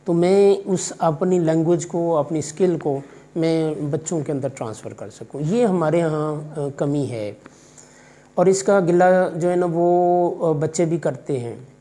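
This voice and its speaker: A man in his 50s who serves as a Pakistani college vice principal answers an interviewer with a Pakistani Urdu accent, measured and fatherly, with religious wording and hesitant fillers. His voice sits on the high side and is warm, picked up by a far camera in his office.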